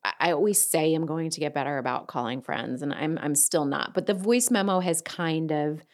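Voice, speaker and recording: Female co-host, Delco accent from around Philadelphia, lowish voice, loose off-the-cuff conversation, self-deprecating. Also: fairly quick. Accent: Delco, Philadelphia area. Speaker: podcast co-host. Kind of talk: casual conversational chat.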